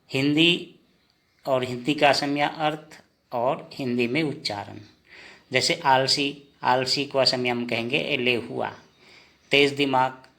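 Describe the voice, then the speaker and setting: Slow, repetitive man teaching vocabulary. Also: mid-range voice, gravelly, bright, forceful tone. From India. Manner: slow, repeats each word several times. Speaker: language teacher. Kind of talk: slow spoken vocabulary lesson.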